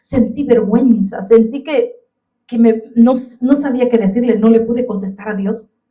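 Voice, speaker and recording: This fervent preacher speaks at a moderate pace in a mellow voice on the high side, recorded from a distance in a church's echoey sanctuary. Throughout her sermon she calls out to the brothers and sisters listening.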